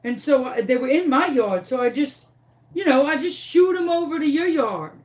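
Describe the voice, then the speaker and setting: A woman's voice: high-pitched, animated, moderate pace, a little mellow, far from the mic, pitched above the performer's own voice. A woman voicing a flustered, apologetic male neighbor who stammers and hesitates.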